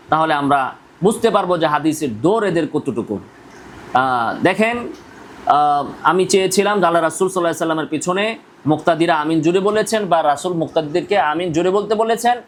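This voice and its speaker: A man's voice: sits high, rough recording. A man, an Islamic scholar from Bangladesh, giving a polemical religious lecture, arguing with repeated rhetorical questions and insistent emphasis.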